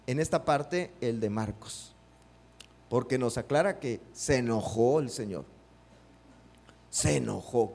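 A middle-aged man preaching a sermon, animated, acting out quotes and asking the congregation rhetorical questions. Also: a little high. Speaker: pastor. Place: church.

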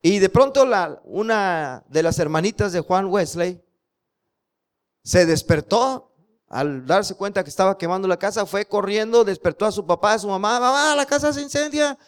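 Man preaching a sermon, higher voice. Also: moderate pace, smooth. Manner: lively storytelling with rhetorical questions to the congregation.

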